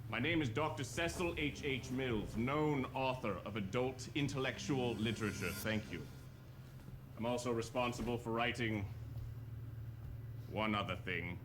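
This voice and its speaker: A man's voice: mid-range voice, measured pace, noisy background, natural voice. A man playing a pompous, defensive author who narrates on the side, with a formal, fussy and theatrical way of talking. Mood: smug, formal. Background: music.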